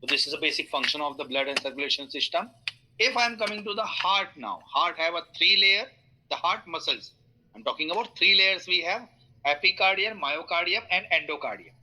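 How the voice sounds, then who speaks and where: A man with an Indian English accent lecturing online, his voice very bright and slightly high. He explains through everyday analogies, fills pauses with "uh" and "okay", and keeps inviting students to ask questions. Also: lively intonation, poor audio. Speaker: instructor.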